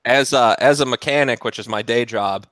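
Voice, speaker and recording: Mechanic chatting casually. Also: male voice, mid-range voice, normal speed, fairly bright tone, no echo. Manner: knowledgeable, laughs often, swears casually. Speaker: mechanic, guest. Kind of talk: casual chat.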